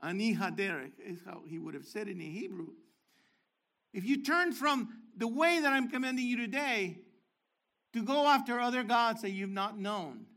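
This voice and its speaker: A man's voice: sits high, normal speed, sharp tone. An older man teaching a sermon, explaining Hebrew words with emphatic bursts. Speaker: Messianic teacher.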